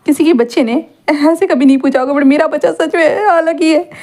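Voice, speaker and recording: A woman's voice: high-pitched, fairly even intonation, normal speed, darkish tone, voice pushed up, natural voice. A woman voicing an exasperated middle-aged mother in a told story, given to flustered exclamations. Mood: proud.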